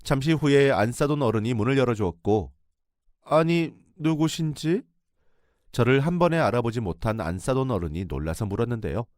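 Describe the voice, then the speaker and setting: A man's voice: mid-range voice, expressive, quick pace, few pauses, a little mellow, no room sound, clean studio sound. A man narrating a radio drama story in the first person, with dramatic storytelling.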